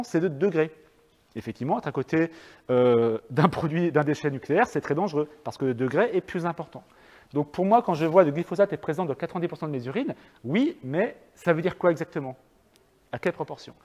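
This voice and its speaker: A French man giving a public talk to an audience, chatty and hesitant with many fillers and restarts. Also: a little high. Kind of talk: lecture with audience questions. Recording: long reverb of a hall.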